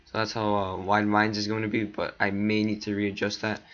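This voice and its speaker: A man's voice: fairly low pitch, level tone, fairly quick, a bit bright. A man walking through a tutorial in casual talk, voice cracking now and then, rambling with lots of ums while he clicks through steps. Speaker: tutorial maker. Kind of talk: casual screen-recorded tutorial. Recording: dull lo-fi mic.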